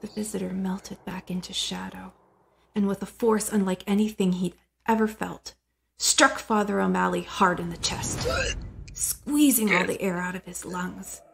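Gravelly-voiced woman narrating horror. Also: medium pitch, moderate pace, slight background noise. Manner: dramatic, dropping to hushed whispers. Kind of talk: dramatic scripted horror narration.

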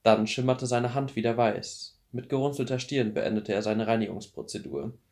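A man in his twenties calmly reading a novel aloud as a bedtime audiobook. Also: medium pitch, normal speed. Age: 20s. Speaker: audiobook reader.

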